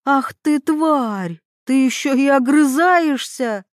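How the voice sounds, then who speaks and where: A woman's voice: high voice, a little slow, darkish tone, no room sound, studio quality, pitched above the performer's own voice. A woman voicing a hysterical, jealous young woman who screams insults in a storybook reading. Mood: shrieking furious.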